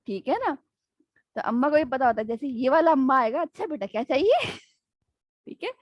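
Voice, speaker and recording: A lively, higher-voiced woman teaching a religious class over a video call. She keeps checking in with her listeners and acts out small scenes as she goes. The sound is dry and a little muffled. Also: dry recording. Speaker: Islamic studies teacher. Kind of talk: interactive online religious lesson.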